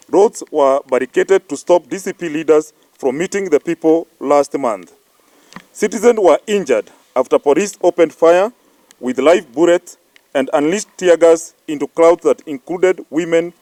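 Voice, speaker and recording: A man's voice: fairly high pitch, animated, moderate pace, dark tone, no room sound. A Kenyan man reads out a political press statement as party spokesman, declamatory and defiant, often stumbling over his words.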